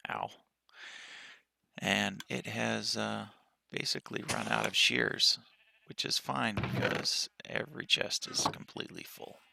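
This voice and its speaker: A man giving a relaxed tour of his game world with a just-woken-up morning voice, pausing often and speaking softly. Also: fairly low pitch, vocal fry, slight background noise. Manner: relaxed walkthrough with frequent pauses and fillers. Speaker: game player.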